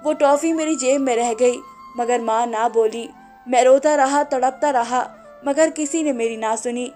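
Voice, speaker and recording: A woman narrating a sad story in a soft, emotional storytelling manner. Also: high voice, a little slow, faint music behind.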